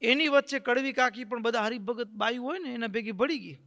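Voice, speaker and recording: High, bright-voiced preacher. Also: male voice, a little fast, in a large hall. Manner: dramatic, acts out the characters' voices. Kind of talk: devotional storytelling sermon.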